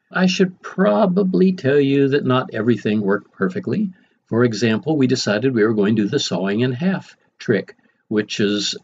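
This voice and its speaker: An older man with a lowish voice reminisces as a podcast host. He is conversational and wry, and the recording is a little dull with some noise. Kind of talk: reminiscing storytelling monologue. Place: home library. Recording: muffled, faintly noisy.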